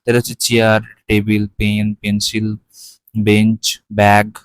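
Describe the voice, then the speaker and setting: A man, teaching as he explains a textbook page. He reads English lines slowly, then explains them. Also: on the low side, completely flat delivery, smooth, dry recording.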